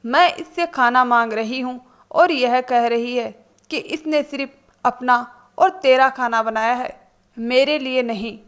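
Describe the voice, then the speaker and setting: A woman voicing a stern, quick-tempered older mother-in-law who scolds loudly. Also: sits high, clear, resonant tone. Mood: aggrieved. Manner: scolding, loud.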